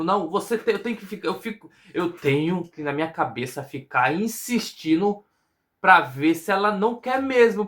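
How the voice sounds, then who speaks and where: A man's voice: a little high, bright, forceful tone, slight background noise. A man with a Brazilian accent talking casually to camera, rambling, repeating himself and asking himself questions as he thinks aloud. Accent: Brazilian Portuguese. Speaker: vlogger. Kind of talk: casual personal monologue.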